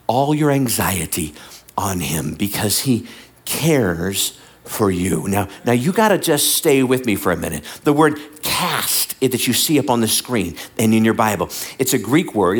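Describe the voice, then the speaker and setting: A male pastor delivering a lively sermon, sometimes acting out the lines he quotes. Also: medium pitch. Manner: animated, acts out voices and quotes. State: bad back.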